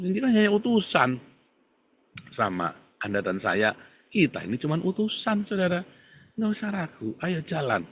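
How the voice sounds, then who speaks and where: Lively, bright-voiced male pastor preaching. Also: on the high side. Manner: animated, colloquial, addresses listeners as "saudara"; swings between loud outbursts and soft asides. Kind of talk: conversational sermon.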